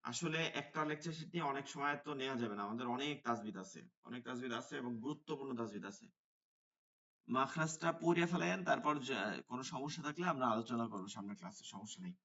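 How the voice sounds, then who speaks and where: A man's voice: mid-range voice, animated, quick pace, fairly bright tone. A man teaching an online Quran class, chanting syllable drills over and over. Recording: muffled, distant online class audio.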